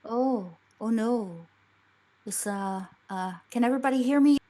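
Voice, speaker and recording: Woman, host, casual live online chat, bubbly, playful, fairly high voice, push-to-talk mic. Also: measured pace, mellow. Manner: bubbly, playful, stumbling restarts. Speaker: show host.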